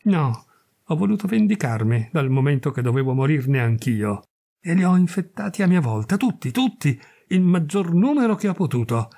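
A man's voice: fairly high pitch, sing-song, normal speed, vocal fry, dark tone, full character voice. Irma, a feverish young woman, read by a man. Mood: vindictive. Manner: breathless, pleading then fierce. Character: sick young woman, feverish, vengeful, clinging. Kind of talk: audiobook reading of a classic tale.

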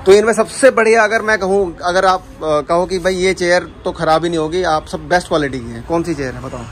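A man's voice: high-pitched, brisk. A young man vlogging from a furniture showroom, casually chatting with the staff and repeating prices back. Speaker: vlogger touring a furniture shop. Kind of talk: casual chat with shop staff. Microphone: handheld camera. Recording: noisy showroom audio.

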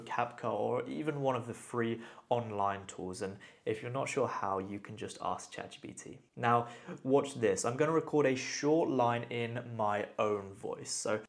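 A man hosting a casual tutorial, enthusiastically talking the viewer through each step. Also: mid-range voice. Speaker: tutorial host. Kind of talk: casual screen-recorded tutorial.

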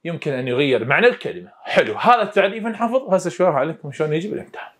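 A man with an Iraqi Arabic accent giving a university phonetics lecture in casual dialect, slowing right down to dictate definitions word by word. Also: fairly high pitch, big pitch swings, a bit bright. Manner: explains in colloquial dialect, slows right down to dictate English definitions. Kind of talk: recorded lecture.

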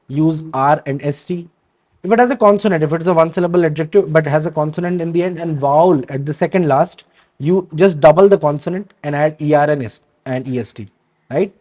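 A male teacher with a voice pitched a little high explains grammar rules to students. He keeps checking in with a quick "right?" and reads through word lists in a steady rhythm that drops at the end of each set. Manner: checks in with a frequent "right?" and stops to hesitate.

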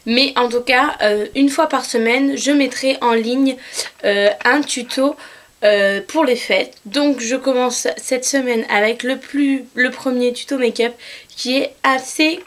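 Woman vlogger, casual to-camera intro, rambling with lots of fillers, fairly high voice. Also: steady tone, a little slow. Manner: rambling with frequent filler sounds.

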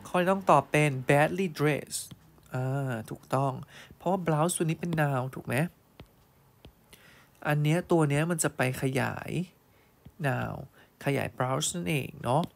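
A male teacher giving an online English grammar lesson. He reads test sentences slowly, then explains them fondly, calling students "child" and checking they follow. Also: on the high side, gravelly. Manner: fond, calls students "child" and checks understanding.

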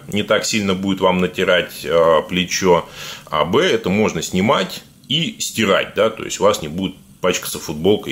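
A man with a deep voice and a defective, burred R talks casually through an unboxing. His delivery is conversational and halting, addressed informally to viewers. There is clear noise behind him, with clicks. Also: fairly bright tone. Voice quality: burr, defective pronunciation of the R sound. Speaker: video blogger unboxing parcels. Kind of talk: casual product unboxing commentary.

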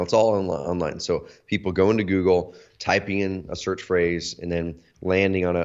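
Speaking from an indoor home office, this Oregon-born CEO in his thirties is an energetic, chatty guest on a casual video call interview, filling his speech with plenty of fillers. Allergies leave his low voice hoarse. The lo-fi call audio sounds slightly dull.

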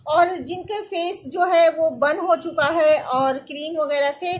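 High-voiced woman giving earnest skincare advice. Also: fairly even intonation, measured pace. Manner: earnest, reassuring, often adds "theek hai na". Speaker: beauty and skincare vlogger. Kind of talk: casual advice to viewers. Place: indoor room with curtains.

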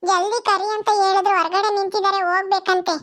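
A woman's voice: extremely high pitch, level tone, a bit bright. Woman doing a meek little boy. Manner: slow, meek, drawn-out. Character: small obedient crying boy. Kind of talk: comic skit acting.

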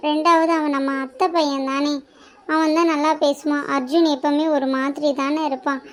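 A woman voicing a gentle, motherless young woman who pleads softly and tearfully in a cartoon. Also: high-pitched, level tone, normal speed, natural voice. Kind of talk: cartoon voice acting.

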